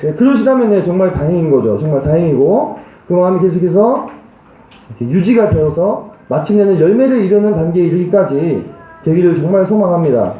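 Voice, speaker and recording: A man preaches a sermon in a church, his high voice rising and falling in wide swings. He keeps putting rhetorical questions to the congregation. The recording is roomy and slightly dull. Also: expressive, fairly quick. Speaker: pastor.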